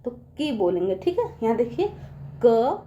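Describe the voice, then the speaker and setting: A woman's voice: high-pitched, expressive, a little slow, warm tone, highs cut off, slight background noise. A woman teaching children, patient and repeating her points often. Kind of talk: children's lesson.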